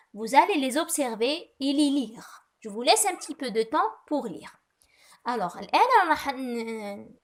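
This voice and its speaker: A woman teaching a recorded lesson to young pupils, patient and deliberate, fondly calling them her little ones. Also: fairly high pitch, a bit bright. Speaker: primary school French teacher.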